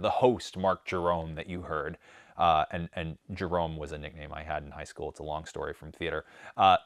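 A man's voice: on the low side, no room sound, studio quality. A man from the Northeastern United States with a slight Northeast accent, giving a conversational academic presentation with frequent fillers. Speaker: communication professor presenting research.

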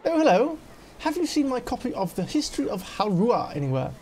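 Brief: man playing an absent-minded woman scholar, raised pitch, fussy. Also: very animated, brisk, a little mellow, slight background noise. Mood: flustered.

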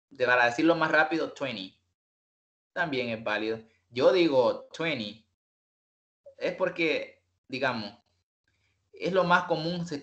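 A man's voice: medium pitch, vocal fry, a bit bright, muffled recording. A man teaching an online English class, explaining numbers patiently and mixing in English examples. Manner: patient, explains slowly, mixes English examples into his talk. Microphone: video call.

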